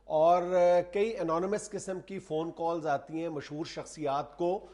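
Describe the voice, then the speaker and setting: Slightly high-voiced Pakistani male co-host. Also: fairly even intonation, a little mellow. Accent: Pakistani Urdu. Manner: frames the topic, then backs the story with short agreeing replies. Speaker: talk show co-host. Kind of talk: casual chat.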